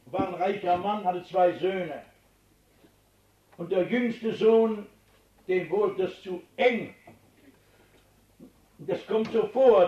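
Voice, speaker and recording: Male pastor, high-pitched voice, animated sermon storytelling; dull old recording from a distance. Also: echoey room. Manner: animated storytelling preacher, addressing the congregation directly.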